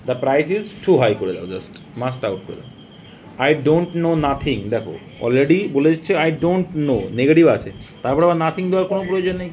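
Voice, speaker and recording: A fairly high-voiced man teaches English grammar, putting questions to his students and answering them himself. He reads the example sentences out slowly, word by word. The recording sounds dull and lo-fi, with a faint hiss behind it. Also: a little mellow. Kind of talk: spoken grammar lesson.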